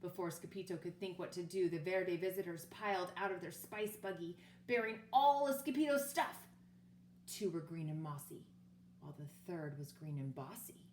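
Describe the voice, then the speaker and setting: A woman reading a children's storybook aloud as a teacher, playful, expressive and sing-song. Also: on the low side, normal speed. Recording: echoey room with faint hum.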